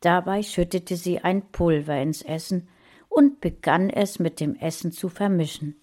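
A woman reading a fantasy story aloud in a calm, even way. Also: lowish voice, a little slow. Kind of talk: audiobook narration.

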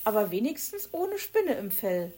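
A woman's voice: medium pitch, sing-song, moderate pace, warm tone, pitched above the performer's own voice. A woman voicing a little squirrel who squeals in disgust. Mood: squeamish.

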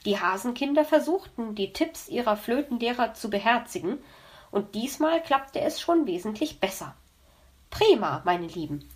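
A woman narrating a children's story in a calm, even storytelling manner. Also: fairly high pitch, normal speed. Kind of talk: audiobook narration.

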